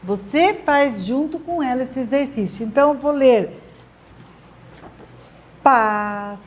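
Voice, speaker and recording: A woman's voice: high voice, expressive, normal speed. A woman who teaches literacy, giving parents encouraging step-by-step tips and often checking in with "tá?" and "né?". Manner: warm, encouraging, lots of "tá?" and "né?" check-ins. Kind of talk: friendly instructional talk to camera.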